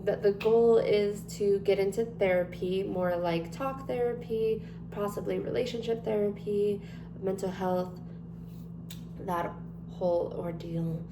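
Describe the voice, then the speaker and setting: Speaking at a measured pace in a steady, mid-range tone, a woman in her twenties chats casually to the camera as a vlogger, rambling with lots of ums and likes. Her recording has an echoey room sound and a noticeable hum.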